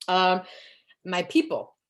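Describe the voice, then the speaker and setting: A woman's voice: fairly low pitch, animated, takes it slowly. A woman from Massachusetts introducing herself on a video call, hesitant and searching for words. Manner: hesitant, light laughs. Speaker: workshop participant.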